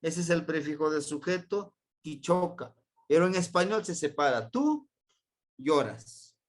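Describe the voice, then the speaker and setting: A man with a Mexican Spanish accent teaching a language class, repeating words slowly and quizzing his students. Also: a little high, lively intonation. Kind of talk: classroom grammar lesson.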